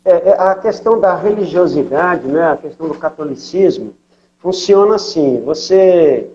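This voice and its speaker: Telling missionary stories at a normal pace, this older man from São Paulo, Brazil, speaks with a local Portuguese accent and keeps the testimony interview conversational, using many fillers and tag questions. His voice is slightly high for a man, the recording is dull and lo-fi, and there's slight background noise.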